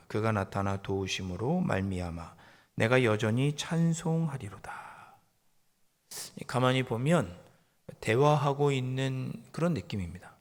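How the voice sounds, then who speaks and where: A man, a pastor, preaching a sermon that moves from calm explanation to loud, rising rebukes. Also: mid-range voice. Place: church sanctuary. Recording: long church hall reverb.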